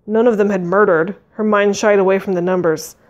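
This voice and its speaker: A woman's voice: mid-range voice, steady tone, brisk, muffled recording. A woman reading a fantasy novel aloud, narrating expressively and voicing the dialogue. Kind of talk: audiobook reading.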